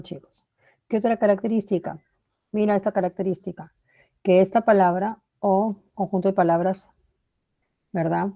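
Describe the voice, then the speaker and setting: In an online class lecture, a woman teaches language step by step, praising students by name and checking in with "¿verdad?". Her voice is mid-range with a dark tone.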